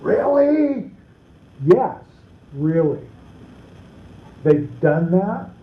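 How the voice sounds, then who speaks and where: A man, a pastor, teaches a parenting class in a lively, higher-pitched voice. He acts out family scenes as he explains. The sound is thin and phone-like, with a roomy echo. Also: a little slow. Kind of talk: practical seminar teaching. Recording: tinny, roomy echoey seminar recording.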